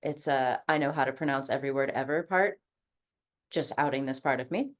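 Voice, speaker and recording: Her voice is extremely low and fairly quick as she shares on a group coaching video call; the participant is casual and reflective, with many fillers and easygoing swearing.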